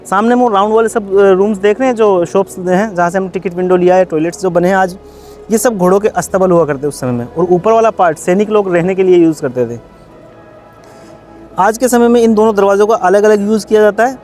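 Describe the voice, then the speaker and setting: A man's voice: high-pitched, brisk, darkish tone, faint music behind. A man working as a tour guide, explaining things to visitors outdoors in a chatty, lecturing way. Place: outdoors at a historic palace.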